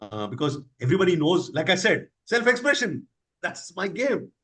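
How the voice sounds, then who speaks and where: A man's voice: high voice, big pitch swings, normal speed, a bit bright, low-quality recording. A man answering audience questions in an online session, advising with stressed key words over a video call.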